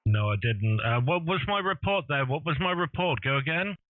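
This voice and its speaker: A man's voice: on the high side, expressive, heavy background noise. Man over fading shortwave radio. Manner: polite, brisk radio procedure talk with call signs. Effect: fading shortwave radio signal. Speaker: amateur radio operator. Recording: thin phone-like radio audio, dry.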